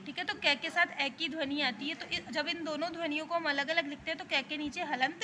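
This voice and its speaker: A woman school teacher with an Indian accent talks young pupils through a grammar lesson. Her voice sits high and sounds bright and clear. She repeats each point patiently, over a faint background hiss. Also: steady tone, a little fast. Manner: patient, repetitive explaining with frequent checks.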